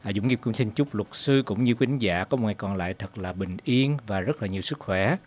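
A man's voice: on the low side, brisk, darkish tone. A man hosting a radio call-in program, polite and formal as he thanks guests and announces. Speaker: radio show host.

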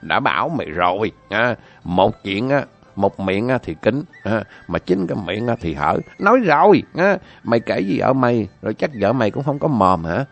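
A man voicing a stern old mandarin official who scolds his servant gruffly. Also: fairly low pitch, big pitch swings, normal speed, hardly any pauses, faint music behind, full character voice. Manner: gruff, commanding, threatening.

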